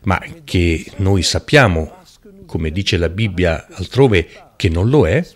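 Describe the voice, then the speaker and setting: Male preacher, lower voice, very expressive pitch, slow and emphatic Bible teaching. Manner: emphatic, deliberate, rhetorical.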